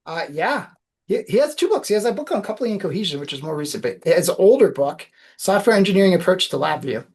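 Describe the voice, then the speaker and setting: A woman's voice: on the low side, big pitch swings, fast talker, a little mellow, breathy edge. A woman guest on a podcast, telling reflective anecdotes in a casual interview.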